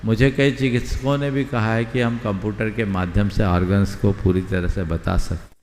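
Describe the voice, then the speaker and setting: A low-pitched man speaks as a monk, answering questions in a spiritual discourse. His measured, advisory words carry long reverb through a large roomy hall, with faint ambience behind. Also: steady tone, noisy background. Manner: measured, advisory, gives brief counsel.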